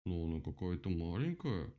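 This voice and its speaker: A man's voice: sits low, very animated, moderate pace, highs cut off. A man voicing a grumpy male mole in a children's storybook, grumbling.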